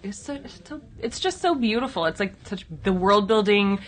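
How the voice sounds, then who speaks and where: A woman's voice: mid-range voice, lively intonation, moderate pace. A woman co-hosting and working as a digital editor, chatting casually and rambling with lots of fillers. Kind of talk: casual chat reviewing comics.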